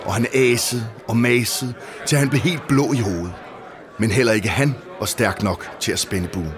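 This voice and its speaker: A man narrating a storybook in a calm, steady way. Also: lowish voice, crowd noise.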